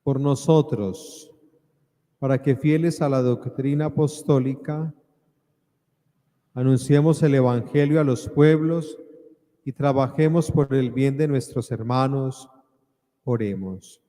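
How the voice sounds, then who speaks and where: A male priest speaks solemn liturgical words in a mellow voice. His phrases come slowly, set apart by deliberate pauses. Each one rings out in a long cathedral-like echo. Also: mid-range voice. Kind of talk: solemn liturgical prayer and preaching. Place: large reverberant church.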